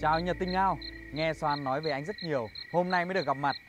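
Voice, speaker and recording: A man's voice: a little high, fast, a bit bright, lo-fi sound, soft background music, close to an everyday voice. A man playing a soothing, polite husband.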